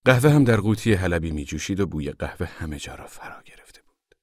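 A man narrating a novel as an audiobook in a calm, even storytelling manner. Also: low voice, dry recording, clean studio sound. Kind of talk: scripted narration.

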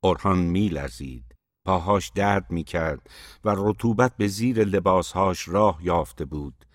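A man narrates a literary story in a measured, steady audiobook reading. His voice is deep and low. The recording is dry and close to the mic. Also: no room sound.

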